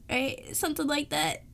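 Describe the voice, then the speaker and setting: Slow-talking sick woman streamer. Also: sits high, a bit bright. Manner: thinking aloud, rambling, laughs often. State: sick, sparing her voice. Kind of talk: casual chat while drawing on stream.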